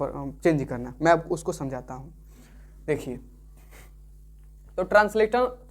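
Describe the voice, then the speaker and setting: A man's voice: high voice, darkish tone. A man teaching a Sanskrit lesson. He explains patiently, repeats himself and often checks that the listener is following. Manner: repetitive, keeps checking understanding with tag questions.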